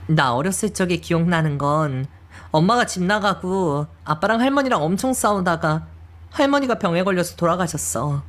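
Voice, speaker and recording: A woman's voice: fairly low pitch, animated, moderate pace, lightly acted. A woman voicing a hurt young adult daughter who reproaches her mother in an emotional audio drama reading.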